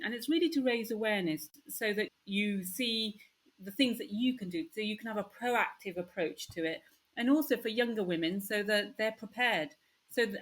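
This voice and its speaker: A woman doctor who is a podcast guest, explaining in an earnest way with small fillers. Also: mid-range voice. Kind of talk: interview answers.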